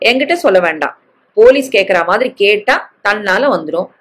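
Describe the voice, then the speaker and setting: A woman reading aloud who voices a betrayed young wife, cutting and sharp, her voice rising. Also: mid-range voice, lively intonation, moderate pace. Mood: cold fury.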